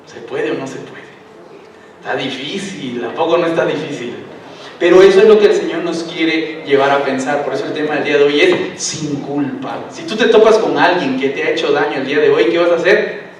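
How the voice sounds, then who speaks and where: Pastor, man, animated sermon, high voice, echoey hall from far off. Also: brisk, slight background noise. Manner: animated, acts out voices in parables, asks congregation questions. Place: large church hall.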